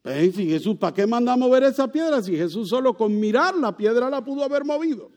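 A man giving a sermon as pastor, asking rhetorical questions and swinging from loud, high passages to soft, low ones. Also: expressive, fairly quick.

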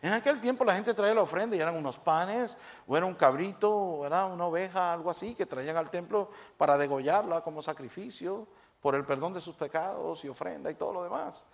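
A male pastor delivers his sermon with a fairly high voice. He keeps it conversational and humorous, often turning to the congregation with a quick "right?". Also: vocal fry. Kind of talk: preaching a sermon.

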